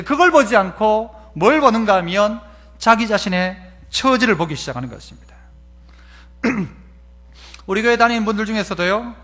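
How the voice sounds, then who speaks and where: A man's voice: very high-pitched, fairly bright tone. A male pastor, preaching a sermon and asking the congregation question after question. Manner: acts out quoted voices. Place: church sanctuary.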